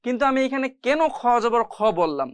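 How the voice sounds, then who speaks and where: A woman teaching Quran reading in a slow lesson, patiently repeating each syllable in drills. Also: fairly high pitch, big pitch swings, no echo. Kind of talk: slow step-by-step recitation lesson.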